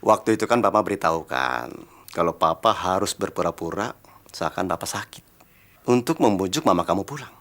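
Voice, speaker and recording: An actor playing a gentle, middle-aged father who is secretly ill, with a soft, teasing way of talking. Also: deep voice, expressive, brisk. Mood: tender.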